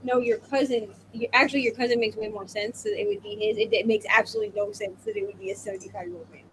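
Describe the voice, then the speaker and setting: This woman in her thirties talks fast in a medium-pitched, steady, slightly bright voice, co-hosting a readalong show about books. She's rambling and opinionated with forceful asides, and the low-quality recording has slight background noise.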